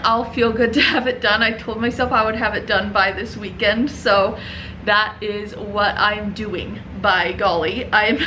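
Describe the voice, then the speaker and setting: A bright, clear young woman talks casually to camera from her print shop, chatty and upbeat and quick to laugh. A faint hum of room noise sits behind her voice. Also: fairly high pitch, rough recording. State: out of breath. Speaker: vlogger and small business owner.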